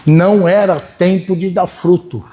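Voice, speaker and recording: A pastor with a Brazilian Portuguese accent preaches to his church congregation in a folksy manner, often checking in with his listeners. His voice sits high and his tone stays steady and unhurried, though his volume swings between loud and soft.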